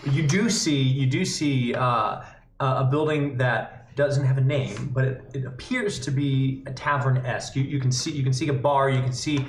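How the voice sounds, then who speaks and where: A man's voice: medium pitch, normal speed, slight background noise. A man narrating a tabletop game as game master, often restarting his phrases. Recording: echoey room.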